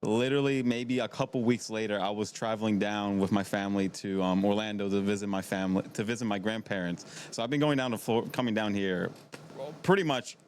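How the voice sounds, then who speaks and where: Speaking briskly in a fairly low voice with fairly even intonation, this podcast guest, a Maryland PE teacher in his twenties who works at a middle school, rambles conversationally and circles back to the same points. Background noise is clearly audible.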